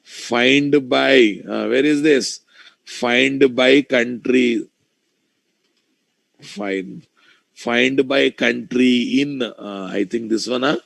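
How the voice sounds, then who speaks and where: Male programming instructor, Telugu Indian accent, slow pace, fry in the voice, informal lecture, repetitive phrasing, rhetorical questions. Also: medium pitch, a bit bright, no echo. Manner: thinks aloud, repeats phrases, poses questions to students. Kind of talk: informal live coding lecture.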